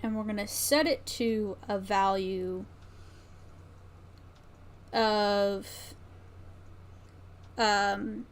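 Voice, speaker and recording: Keyboard typing, mouse clicks and faint background noise accompany a woman streaming as she works. She thinks aloud casually in an extremely slow, medium-pitched, fairly even voice, with long pauses and thoughts that often trail off.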